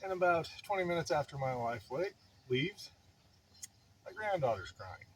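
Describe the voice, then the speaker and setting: An older man, a grandfather and vlogger, tells a personal story in a rambling fireside-chat style, a little breathless, with wry, self-deprecating, mock-dramatic delivery. His slightly high voice is sing-song and moves at normal speed. Birds chirp amid outdoor noise.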